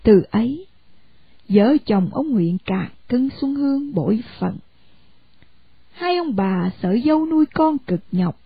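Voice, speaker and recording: A woman reading a story aloud in an expressive, animated way. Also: fairly high pitch, gravelly, husky, dry recording. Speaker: narrator. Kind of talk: scripted storybook narration. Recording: dull lo-fi, dry sound.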